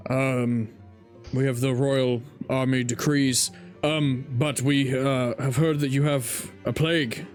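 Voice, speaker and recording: Hesitant male tabletop player, mid-pitched. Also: fairly even intonation, faint music behind. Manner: hesitant, measured, formal phrasing. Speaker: player in a tabletop role-playing game. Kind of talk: improvised in-character dialogue.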